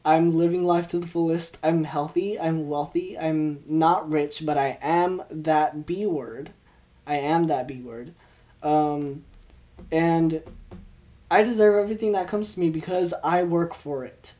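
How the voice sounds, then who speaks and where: A woman's voice: low voice, steady tone, a little slow, dark tone. A twenty-year-old woman hosting a solo podcast, rambling in casual chat, stumbling over her words in an upbeat way. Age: 20s. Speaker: podcast host. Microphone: podcast mic, also filmed for video.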